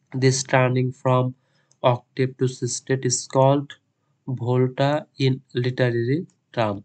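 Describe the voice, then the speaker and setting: Here a teacher with a flat, mid-range male voice takes students through exam material at a slow pace. The English gets spoken one word at a time, and the Bengali commentary afterward comes out quickly.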